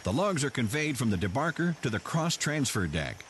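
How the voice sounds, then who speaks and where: A man reading a scripted industrial plant tour as narrator, in a measured, explanatory way. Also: mid-range voice, big pitch swings, slight background noise.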